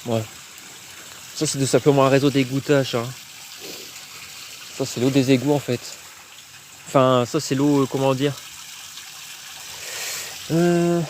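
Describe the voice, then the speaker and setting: A man's voice: mid-range voice, a little mellow, slight background noise. A man giving casual, hesitant live-stream commentary while exploring an abandoned site outdoors, talking into a handheld phone. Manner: casual, hesitant, thinking aloud.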